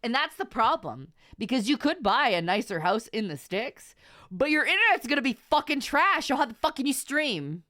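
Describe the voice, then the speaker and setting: A middle-aged woman who streams as a VTuber chats casually in her livestream, animated and emphatic and swearing freely. Her voice is high and her pace normal, captured as clean studio sound with no echo.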